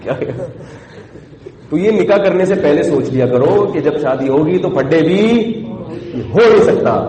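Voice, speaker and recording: Male cleric, conversational sermon with rhetorical questions, mellow tone, echoey room. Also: a little high, expressive. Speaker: Islamic cleric. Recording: echoey hall with long reverb.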